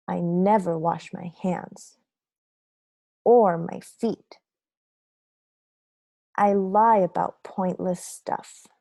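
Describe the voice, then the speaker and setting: Woman as a slow-talking, grumpy storybook seed. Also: fairly low pitch, creaky, mellow, no room sound, full character voice. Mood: sly confession. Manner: dramatic, deliberate, confessional storytelling. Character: grumpy, remorseful bad sunflower seed telling his story. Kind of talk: children's picture book read aloud.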